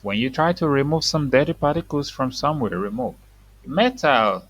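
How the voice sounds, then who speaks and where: A woman's voice: low voice, lively intonation, moderate pace. A woman teaching reading to a young child, saying words for the child to repeat and explaining them simply.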